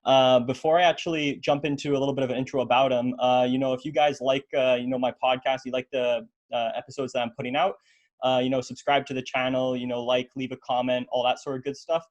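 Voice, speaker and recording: A man's voice: medium pitch, flat delivery, fast, muffled recording. A man hosting a business podcast in casual interview style, eager and full of fillers and repeated words. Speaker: podcast host.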